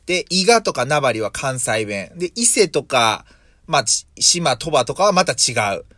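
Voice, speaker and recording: A man's voice: on the high side, very animated, normal speed, a bit bright, dry recording, studio quality. A man in his thirties from Mie, Japan, hosting a casual solo podcast as a vegetable farmer, thinking aloud with many fillers and self-corrections. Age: 30s.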